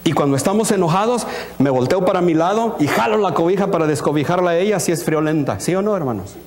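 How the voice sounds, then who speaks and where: A pastor preaching a sermon in a church, asking the congregation questions, acting out little scenes and slipping in English words. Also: male voice, high voice, fast, slight background noise. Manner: animated, asks the congregation questions and acts out scenes. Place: church hall. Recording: long reverb of a church hall.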